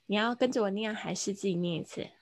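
A woman's voice: medium pitch, fast, no echo. A woman teaching an online English lesson, patiently coaching a student's pronunciation over a video call. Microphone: computer mic on a video call.

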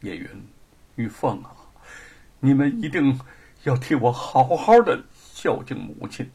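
A male storyteller voicing a condemned scholar saying farewell in a soft, tearful, husky voice. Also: mid-range voice, big pitch swings, unhurried, heavily acted.

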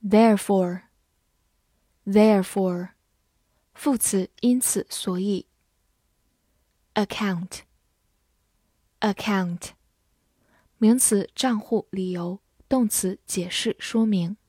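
A woman teacher reading a vocabulary drill, saying each English word twice in a measured, clear manner before reading its meanings. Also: medium pitch, mellow, dry recording, studio quality.

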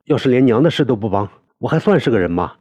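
A man voicing a weeping young man, choked up and halting. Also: lowish voice, sing-song, dark tone, dry recording, pitched above the performer's own voice. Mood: tearful. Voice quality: halting, broken by sobs. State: choked with tears. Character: young man, weeping, torn up over family.

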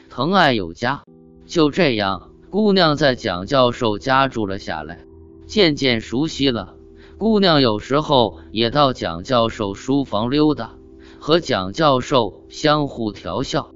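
A man narrating a folk ghost story in a calm, even storytelling voice. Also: medium pitch. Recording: dull lo-fi audio with faint guitar.

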